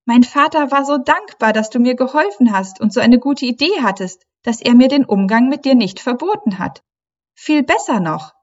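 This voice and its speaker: A bubbly little mermaid girl with a raised, bright young voice, done by a woman reading a storybook. She talks eagerly and fast to her human friend. The recording sounds slightly dull and lo-fi. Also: fairly high pitch, lively intonation. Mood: joyful.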